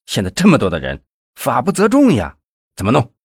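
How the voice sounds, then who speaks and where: A man's voice: mid-range voice, wildly swooping pitch, a little fast, darkish tone, slightly rough, no room sound, studio quality, voice pushed up, heavily acted. A man voicing an angry, scheming middle-aged male mayor who blusters and curses in an audiobook. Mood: furious. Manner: blustering, short-tempered, curses.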